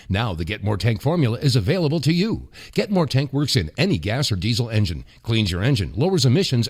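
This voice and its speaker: A male radio host moving into a smooth, polished ad read. His pitch rises and falls in a lively way through the pitch. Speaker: radio talk show host.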